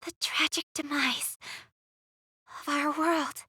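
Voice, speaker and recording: Frightened young game heroine. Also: female voice, high voice, fairly even intonation, slow pace, sharp tone, dry recording, clean studio sound, heavily acted. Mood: frightened, pleading. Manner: anxious, breathless, easily startled. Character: frightened young woman heroine trapped and lost. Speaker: video game character. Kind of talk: game voice acting.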